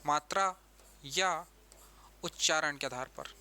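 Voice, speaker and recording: A man's voice: fairly high pitch, takes it slowly, pushed and bright. A man teaching an exam-prep grammar lesson, who repeats key terms and keeps asking the class questions.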